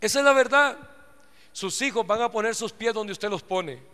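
A pastor from Costa Rica, with a Costa Rican accent and a high-pitched, sharp voice at a moderate pace, preaches fervently in a live sermon, often calling out to his congregation. The church sanctuary gives the recording heavy reverb.

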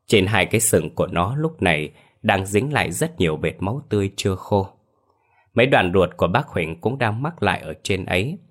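Male storyteller, very low voice, steady measured horror narration.

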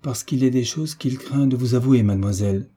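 A man voicing an earnest young gentleman in an audiobook, explaining gently and earnestly. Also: mid-range voice, a little fast, husky, lightly acted. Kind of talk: audiobook character reading.

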